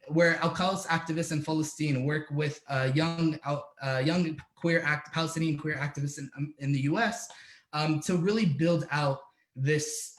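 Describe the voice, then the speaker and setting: Earnest guy organizer on a panel, kinda high voice, lots of restarts, roomy echo. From United States. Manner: earnest, many restarts and filler words. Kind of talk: casual panel talk.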